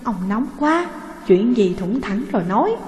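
A calm older mother speaks softly to smooth things over, as a woman reads her part. Her quiet voice carries a long roomy reverb. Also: fairly high pitch, moderate pace. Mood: placating. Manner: soft, placating. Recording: echoey room with long reverb.

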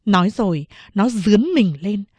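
A woman narrating a first-person literary story in a steady, measured way. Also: mid-range voice, no echo. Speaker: audiobook reader.

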